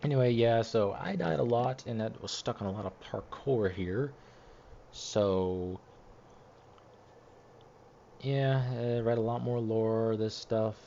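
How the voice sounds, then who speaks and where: A man's voice: mid-range voice, slow pace, creaky, long pauses, warm tone, lo-fi sound, slight background noise. A man narrating over his gameplay footage after the fact, grumbling and rambling in an annoyed way. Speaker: gameplay commentator. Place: home recording setup, voiced after the footage.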